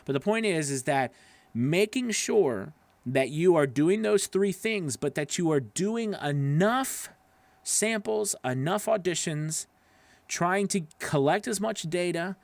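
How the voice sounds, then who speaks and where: A male voice-over coach gives an informal tutorial to camera from a small indoor home studio with acoustic panels, speaking conversationally and explaining as he goes with frequent "right?" and "okay" check-ins. His voice is fairly high in pitch. A close broadcast mic on a boom arm gives dry, close sound with no echo.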